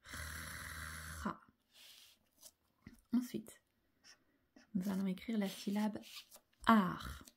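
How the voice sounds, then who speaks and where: A woman teaching young children handwriting, talking slowly and carefully, sounding out each letter and syllable and often dropping to a soft half-whisper. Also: mid-range voice, gravelly, husky.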